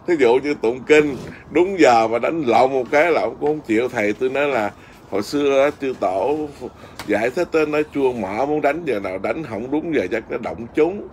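A middle-aged Buddhist monk with a Southern Vietnamese accent tells a story in casual conversation, his mid-range voice moving at normal speed with lively intonation. He rambles, full of fillers and restarts, and there's slight background noise.

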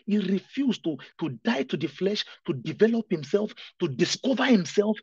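A man's voice: high voice, very animated, normal speed, darkish tone, breathy edge, no echo, muffled recording. Young male pastor, earnest pleading sermon, dry close sound.

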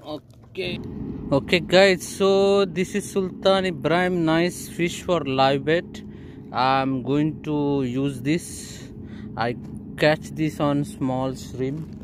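A middle-aged fishing vlogger chats casually to viewers while fishing from a small boat at sea, calling them "guys" and keeping his phrasing simple. He films on a phone held at arm's length, with boat and water sounds and other background noise behind him. His voice is fairly high and steady, and he speaks slowly.

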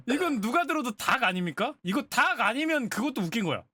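A woman's voice: fairly high pitch, sing-song, a little fast, bright, forceful tone, breathy edge, no room sound. A woman streamer chatting casually and playfully, exclaiming and guessing aloud. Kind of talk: casual live-stream chat.

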